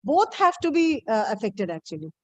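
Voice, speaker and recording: A woman with a high voice and an Indian accent speaks as a presiding judge. She is firm and explanatory, interjecting to question and set out the legal position. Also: big pitch swings, normal speed, darkish tone. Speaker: judge presiding over a hearing. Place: courtroom live stream.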